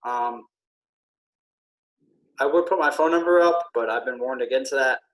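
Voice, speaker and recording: A man who is feeling ill, a military veteran speaking earnestly and haltingly with many pauses in a casual podcast conversation. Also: mid-range voice, a bit bright, low-quality recording.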